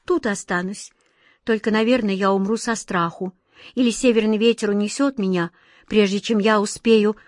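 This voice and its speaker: A woman's voice: medium pitch, fairly even intonation, moderate pace, dry recording, clean studio sound, natural voice. A woman voicing a timid, frightened little girl in a storybook reading, pleading and near tears. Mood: resolute. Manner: pleading, tearful, anxious.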